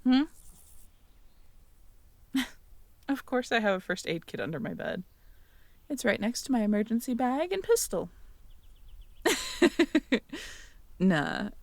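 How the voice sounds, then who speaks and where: A young woman with a mid-range, gravelly voice addresses the listener as a girlfriend in an ASMR roleplay. She's playful and teasing at times, then soft and caring, and the recording has no room sound.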